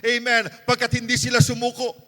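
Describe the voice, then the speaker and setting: High bright-voiced Filipino pastor preaching. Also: male voice, monotone, fairly quick. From Philippines. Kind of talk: sermon. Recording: long reverb of a church hall.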